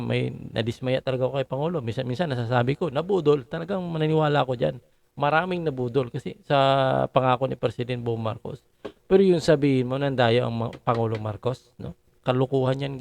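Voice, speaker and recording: A man's voice: mid-range voice, creaky, darkish tone, no room sound. A man giving rambling, opinionated political commentary and often ending phrases with a questioning tag.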